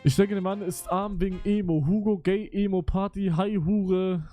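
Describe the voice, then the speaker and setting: A young man streaming live, reading out chat messages in a mocking, casual way, swearing often and jumping between muttering and loud outbursts. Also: sits high, fairly even intonation, moderate pace, soft background music.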